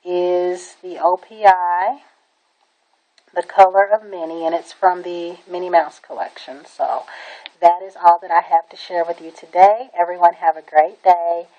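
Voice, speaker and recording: A woman with a fairly low, dark voice gives a casual nail art tutorial at an unhurried, steady pace, with poor audio. Chatty and enthusiastic as she works, she says "um" often and keeps repeating "really, really".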